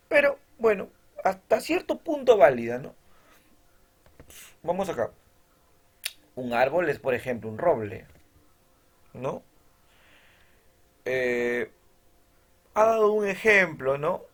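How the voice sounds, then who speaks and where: In a recorded lesson, a male teacher with a voice on the high side works through the material step by step. He pauses to check on his students after almost every point and reads definitions aloud from the text.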